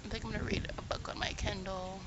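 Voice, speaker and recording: A woman's voice: medium pitch, little pitch movement, fast talker, lo-fi sound. A young woman from the US East Coast chatting casually to a handheld camera at arm's length on a sunny beach, easygoing and trailing off with "I don't know". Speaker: vlogger. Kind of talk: casual vlog chat. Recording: loud beach wind and surf noise.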